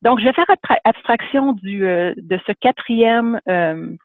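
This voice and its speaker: A man's voice: high-pitched, lively intonation, measured pace. A man presenting a webinar lecture, hesitant, with frequent fillers and restarts. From Canada. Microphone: computer or headset mic on a video call. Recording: tinny dry phone-like webinar audio.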